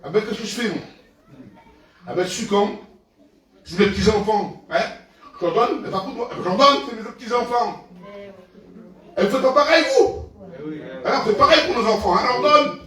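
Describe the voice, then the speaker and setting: An older man, a pastor, preaching emphatically with repeated questions and bursts of shouting. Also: sits high, normal speed, long pauses. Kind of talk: sermon. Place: large echoey hall. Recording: very echoey hall, voice from a distance.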